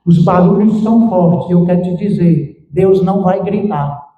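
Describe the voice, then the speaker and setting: A man's voice: sits high, normal speed, crowd noise. A man preaching as a pastor, with emphatic swings in his delivery. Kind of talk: sermon. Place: church sanctuary. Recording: echoey church, distant mic, muffled.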